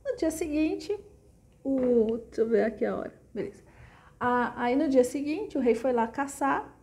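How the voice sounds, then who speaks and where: A woman with a Brazilian Portuguese accent retells an old folk tale in a casual, chatty way and wanders off into asides. Her voice sits somewhat high, with a mellow, soft tone. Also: expressive, moderate pace. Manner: chatty and digressive, with frequent asides. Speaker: storyteller.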